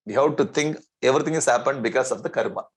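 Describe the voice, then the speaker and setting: A man with a South Indian accent giving a spiritual discourse in an animated, conversational way, repeating phrases and asking rhetorical questions. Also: medium pitch, fast talker, slightly rough. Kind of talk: spiritual discourse with Sanskrit verse recitation.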